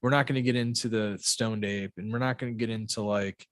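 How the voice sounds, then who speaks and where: Midwestern man with a low voice on a dry podcast mic. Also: fairly even intonation, fairly quick, no room sound. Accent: Midwestern American. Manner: rambling, with many restarts and fillers. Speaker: podcast host. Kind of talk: casual podcast chat.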